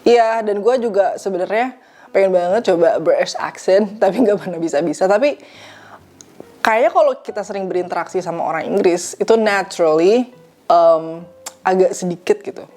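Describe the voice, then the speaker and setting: A woman's voice: mid-range voice, moderate pace, a little mellow. A young woman from Indonesia answering viewer questions in a casual vlog, chatty and dropping in English phrases. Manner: chatty, mixes English phrases into her talk.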